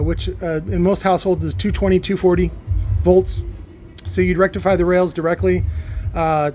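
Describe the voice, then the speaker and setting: A man whose voice sits high with a dark tone explains technical matters informally as an electronics builder. He's halting and often repeats words as he works through his point, and there's a little hiss or hum in the recording.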